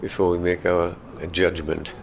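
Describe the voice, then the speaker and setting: A man with a gravelly voice giving live cricket commentary in an unhurried, conversational way. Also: deep voice, flat delivery, a little hiss or hum.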